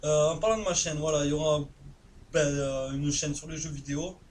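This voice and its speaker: A man's voice: fairly high pitch, steady tone, brisk, darkish tone, slight background noise. Rambling young man with southern French accent. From southern France. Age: 20s. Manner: casual, rambling, crude slang. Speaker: gaming YouTuber. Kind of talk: live gameplay commentary.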